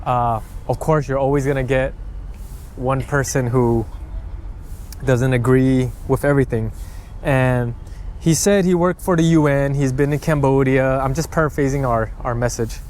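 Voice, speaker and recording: A man's voice: medium pitch, steady tone, normal speed, a little mellow, a little hiss or hum. A man talking casually to camera in a vlog, rambling with many restarts and fillers, recorded outdoors on a camera mic. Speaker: vlogger. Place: outdoors by a mall.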